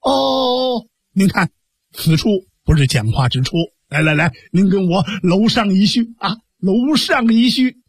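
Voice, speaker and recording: A man doing a polished innkeeper with a Beijing accent, bowing and apologizing with exaggerated courtesy. His voice drops lower than the narration yet keeps a wide pitch range. It has a husky grain and a close, dry sound. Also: animated, a little slow, dry recording, heavily acted. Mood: apologetic. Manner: polite, apologetic.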